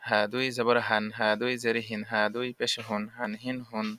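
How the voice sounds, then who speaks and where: Bright, clear man drilling letter sounds. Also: medium pitch, flat delivery, normal speed, no room sound. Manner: patient, repeats sounds drill-style. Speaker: Arabic letters teacher. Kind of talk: Quran reading lesson.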